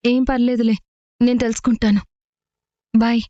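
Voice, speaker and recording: An actress as a persistent young wife, slightly high pitch, dull dry audio. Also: female voice, flat delivery, normal speed, mellow, no echo, lightly acted. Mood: earnest. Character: earnest young married woman seeking help. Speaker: actor in a TV serial. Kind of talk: TV serial acting.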